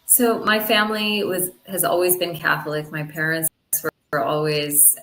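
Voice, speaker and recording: Low-voiced woman in an echoey room. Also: flat delivery, normal speed, fairly bright tone. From Canada. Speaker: physician guest. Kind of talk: interview answers.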